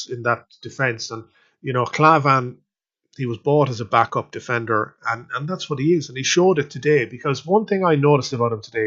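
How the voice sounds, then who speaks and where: A man's voice: mid-range voice, a bit bright. A man hosting a podcast, giving a casual spoken match review that rambles with many fillers and restarts. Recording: slightly dull lo-fi sound.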